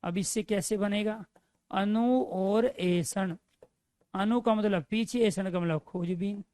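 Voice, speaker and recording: A woman's voice: mid-range voice, steady tone, normal speed, warm tone, no echo, clean studio sound. A woman teaching a grammar lesson, asking questions and answering them herself.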